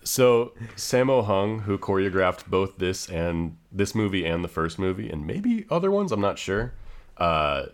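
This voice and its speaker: Very deep-voiced man, casual podcast guest. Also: very animated, measured pace. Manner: enthusiastic, informal. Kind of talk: casual film discussion.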